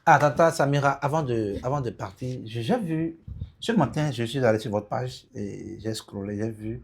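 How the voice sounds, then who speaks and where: A man's voice: mid-range voice, normal speed, creaky, a little hiss or hum. A man hosting a podcast interview, prompting his guest with short conversational interjections. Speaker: podcast host. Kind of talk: casual interview.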